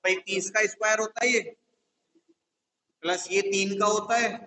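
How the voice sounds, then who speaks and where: Maths teacher guy, kinda high voice, goes slow n patient thru each step. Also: fairly even intonation, pushed and bright, slight background noise, rough recording. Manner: patient, step-by-step, checks with "theek hai". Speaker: maths tutor for exam coaching. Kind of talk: whiteboard maths lesson.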